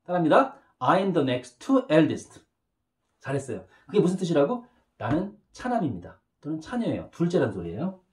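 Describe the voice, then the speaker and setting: A man teaching a beginner English lesson, chatty and lively, saying model phrases slowly for learners to repeat and often checking in with quick questions. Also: a little high.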